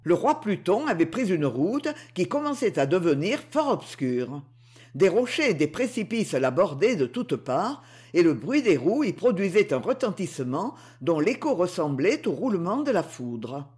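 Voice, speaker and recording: Expressive woman narrating a storybook. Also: fairly low pitch, normal speed, breathy edge. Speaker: audiobook narrator.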